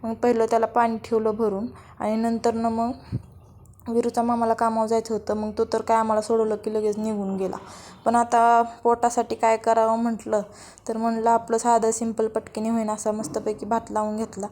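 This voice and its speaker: A woman's voice: a little high, monotone, fairly quick, dark tone, a little hiss or hum. A woman narrating her day in a casual, chatty vlog voice-over. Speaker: vlogger.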